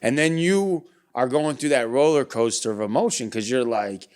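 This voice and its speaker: A man's voice: mid-range voice, moderate pace, darkish tone, smooth. A man hosting a podcast who talks frankly and casually, swearing now and then. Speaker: podcast host.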